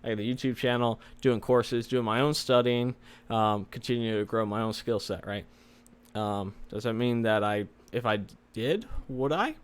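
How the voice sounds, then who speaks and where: Male vlog host, medium pitch, casual rambling explainer, light slur from wearing retainers. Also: normal speed, smooth. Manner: slightly slurred speech from wearing retainers. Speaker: host, software developer giving career advice.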